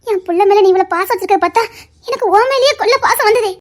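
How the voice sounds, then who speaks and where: A fond but firm older aunt and mother-in-law, put on by a woman in an audio love story. She coaxes and reassures insistently in a very high, light voice. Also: fast talker. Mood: coaxing.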